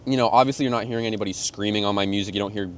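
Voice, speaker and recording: A young man in his twenties, a music producer being interviewed, telling stories in a relaxed, slangy way and getting animated when he quotes people. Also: fairly low pitch, very fast, a little hiss or hum. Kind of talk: casual interview chat.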